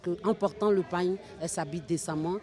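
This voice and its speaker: A woman's voice: fairly low pitch, fairly quick, darkish tone, soft background music. A woman explaining her group's cause earnestly in a news interview. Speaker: association member. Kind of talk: interview soundbite.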